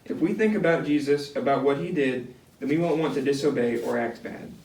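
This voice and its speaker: A man's voice: mid-range voice, fairly quick, darkish tone, natural voice. A man voicing a playful, friendly puppet named Simon in a church puppet skit. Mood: earnest. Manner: playful, easily startled. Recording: echoey room, distant mic, faint noise.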